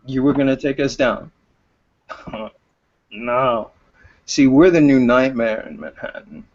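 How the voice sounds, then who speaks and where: A man's voice: mid-range voice, takes it slowly, a little mellow. A man voicing a cruel, gloating male gang leader who mocks and laughs at a beaten captive, in a dull lo-fi recording. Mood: gloating, mocking. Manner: mocking, laughing between taunts.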